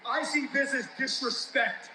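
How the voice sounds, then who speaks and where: A man's voice: extremely high pitch, measured pace, sharp tone. A man, a pro wrestler, giving a dramatic, intense promo in the ring and breaking into laughter. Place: arena ring. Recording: echoey arena broadcast with noise.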